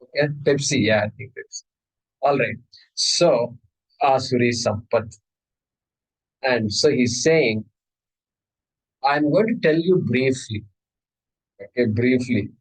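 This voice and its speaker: A man's voice: mid-range voice, slow, long pauses, slightly rough, poor audio. A man with an Indian accent gives an explanatory scripture lecture as a teacher, repeating key words and checking in with his listeners. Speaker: teacher of a Sanskrit scripture class.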